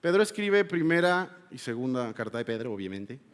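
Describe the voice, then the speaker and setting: A man preaching a sermon, moving between loud appeals and hushed, confessional passages. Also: mid-range voice, very animated, normal speed, clean tone. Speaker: pastor. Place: church hall. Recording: long hall reverb.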